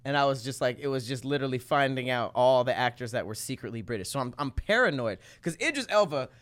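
An American man in casual chat, talking in a slangy, animated way. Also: mid-range voice, fast.

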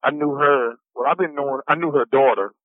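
Man, prison payphone call, tinny phone sound, dry, soft-spoken, meandering. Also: mid-range voice, fairly quick, dry recording. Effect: heard over a prison payphone line. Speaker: incarcerated caller on a collect call. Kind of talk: casual phone conversation.

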